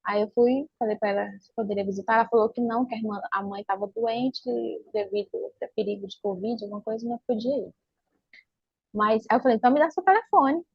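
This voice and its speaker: In a dull, dry lo-fi recording with no echo, a church member with a Brazilian Portuguese accent tells her pastor a personal testimony. Her mid-range voice is brisk, with vocal fry and a breathy edge, and she tells the story with lively energy, acting out each line of dialogue.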